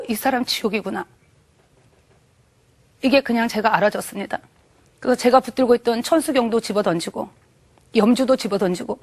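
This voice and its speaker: A woman with a high-pitched voice gives a personal testimony of faith. She speaks earnestly and with emotion, and she pauses haltingly between phrases.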